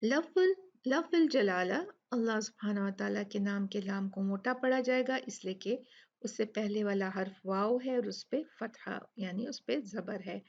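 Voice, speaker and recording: A woman teaching Quran recitation rules step by step, patiently explaining and slowly drilling each word. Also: mid-range voice, steady tone, creaky, muffled recording. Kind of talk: step-by-step tajweed lesson.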